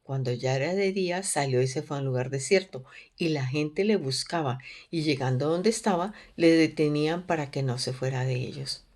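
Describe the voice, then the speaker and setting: A woman teaching a Bible study in an earnest, measured way, often posing questions to her listeners. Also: low-pitched, darkish tone.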